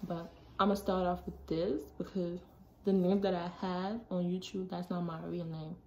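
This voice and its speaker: A teenage girl from Jamaica talks straight into her phone camera, chatty and animated, tossing in quick asides. Her voice sits a little low for a girl. The small bedroom gives it an echoey ring with a faint hiss behind. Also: muffled recording. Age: teens. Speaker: vlogger. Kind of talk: casual chat to camera. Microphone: phone camera at arm's length. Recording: echoey room, faint background noise.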